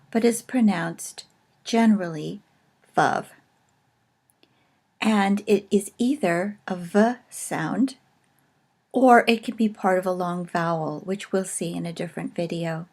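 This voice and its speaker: A woman teaches in a recorded video lesson, taking her time over each point. Her pace is slow and measured, with pauses as she explains. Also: mid-range voice, vocal fry.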